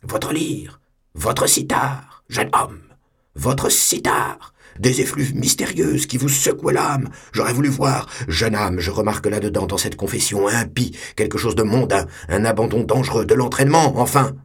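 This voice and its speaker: A man's voice: fairly low pitch, a little slow, gravelly, breathy edge, voice pushed up, full character voice. A man voicing a pompous, sneering old priest superior in a mocking, sanctimonious tone.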